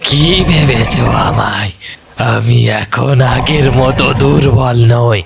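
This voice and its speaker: A man voicing a menacing, boastful hyena ghost in an animated story, with a gravelly, slow, taunting delivery. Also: medium pitch, very noisy. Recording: loud music over voice. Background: loud music.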